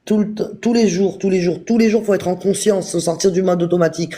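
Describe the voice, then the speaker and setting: A man giving a calm, repetitive spiritual talk on a live stream, speaking straight to his viewers. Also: sits high, fast. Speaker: spiritual teacher.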